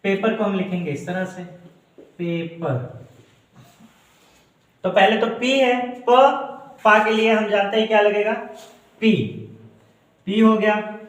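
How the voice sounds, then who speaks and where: Slow, high-voiced male Hindi teacher. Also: steady tone, fairly bright tone. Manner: slow, repetitive, asks and answers his own questions. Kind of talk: classroom lesson on phonetic transcription. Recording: echoey room, mic far off.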